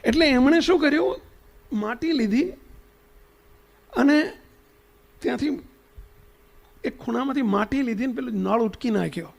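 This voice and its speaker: Very high, gravelly male preacher. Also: expressive, measured pace, long pauses. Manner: questions the audience directly. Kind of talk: storytelling sermon to an assembly.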